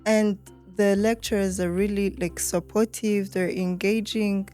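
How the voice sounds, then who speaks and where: A woman's voice: mid-range voice, little pitch movement, measured pace, mellow, soft background music. A young woman with a Rwandan accent, a student leader, speaking with enthusiasm and frequent use of "like". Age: young adult. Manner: enthusiastic, uses "like" often. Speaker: deputy guild president. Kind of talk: casual interview chat.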